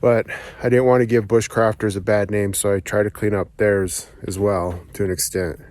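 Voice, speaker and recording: Hiking through a forest, a solo backpacking vlogger talks to the camera in an upbeat, encouraging way, out of breath from the climb. His voice is fairly low and slightly mellow, with little pitch variation, normal speed and no echo.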